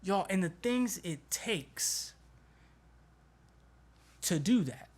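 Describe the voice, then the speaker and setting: A man hosting a motivational podcast, talking in an energetic, emphatic way with casual slang. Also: high-pitched, very slow. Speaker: podcast host. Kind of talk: motivational talk.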